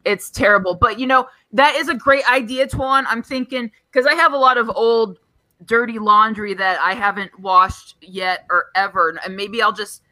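A woman's voice: a little high, steady tone, moderate pace, bright, forceful tone, dry recording, poor audio. A woman in her thirties hosting a crude comedy podcast, bawdy and self-mocking, giggling often. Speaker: podcast host.

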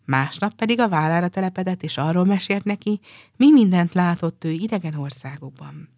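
Low-voiced woman reading a fairy tale. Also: expressive, darkish tone, no room sound, clean studio sound. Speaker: storyteller.

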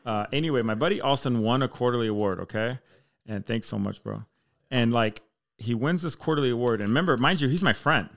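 This fire chief in his thirties talks brisk and bright, his medium-pitched voice carrying some vocal fry. It's relaxed podcast chatter, full of meandering anecdotes and offhand cursing.

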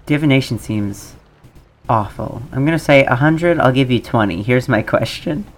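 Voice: mid-range voice, moderate pace. A game player giving casual, musing commentary and reading dialogue choices aloud.

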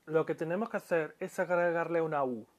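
A Japanese language teacher gives a spoken lesson in a fairly high voice, a bit fast, with dull audio. He patiently explains pronunciation, draws out example words, and restarts often, addressing listeners and calling himself an audio-lesson maker.

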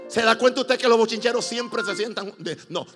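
A man from Puerto Rico with a Puerto Rican accent, preaching a sermon in a church with emphatic loud bursts and joking asides. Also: very high-pitched, brisk. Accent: Puerto Rican Spanish. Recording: long hall reverb, faint music.

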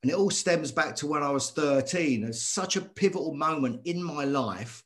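A middle-aged man, a former boxer telling his story as a guest in earnest, animated talk that circles back on itself. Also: on the high side, moderate pace. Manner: earnest, animated, repeats himself. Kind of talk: conversational storytelling.

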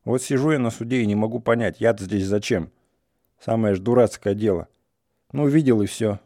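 A restless young village man, bitter and mocking, his talk rising into heated outbursts, as a male reader puts him on. The voice is low and mellow. It is recorded dry and close. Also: fairly quick, no room sound, lightly acted.

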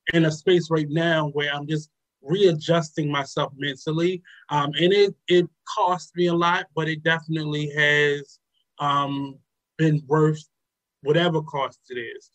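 Male talk host, slightly higher voice, halting and filler-heavy delivery. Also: a bit bright, low-quality recording. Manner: hesitant, many ums and uhs. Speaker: radio show host. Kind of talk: casual reflective talk.

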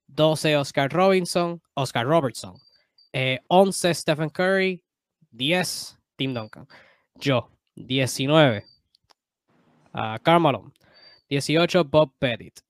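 A man co-hosts a casual sports podcast, firing off points in animated, quick bursts and fixing his own slips mid-sentence. His mid-pitched voice sits close to the mic, dry and free of room sound. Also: dry recording. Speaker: podcast co-host.

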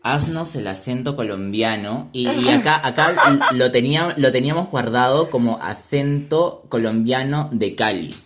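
A man's voice: mid-range voice, moderate pace, hardly any pauses, a bit bright, a little hiss or hum. A man hosting a casual podcast, joking and playful. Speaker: podcast host.

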